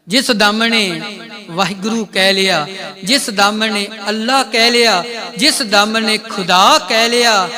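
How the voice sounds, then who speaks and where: Male Punjabi-accented preacher, high voice, drawn-out chanting delivery, crowd audible behind, sermon. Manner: drawn-out chanted phrases with sung quotes. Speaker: kirtan preacher. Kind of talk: Sikh religious discourse.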